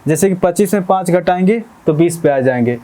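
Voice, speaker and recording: A male maths teacher with a fairly high-pitched voice. His tone is soft and dark rather than bright. He works through exam problems step by step, repeating phrases and checking in with students again and again. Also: lively intonation, a little fast. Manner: explains step by step, repeats phrases, asks "ठीक है?" often. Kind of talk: exam-prep maths lesson.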